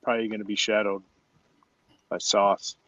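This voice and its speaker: A man's voice: fairly low pitch, flat delivery, moderate pace, fairly bright tone, no room sound, muffled recording. A man co-hosting a casual sports podcast, giving blunt, matter-of-fact opinions. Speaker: podcast co-host. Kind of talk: casual fantasy football chat.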